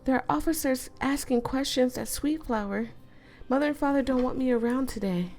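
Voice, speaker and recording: A woman's voice: high voice, moderate pace, darkish tone, faint music behind, voice pushed up. A woman with a swollen, congested throat voicing a polite, earnest teenage girl in a story read-aloud. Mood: anxious, pleading. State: has a cold with a swollen throat.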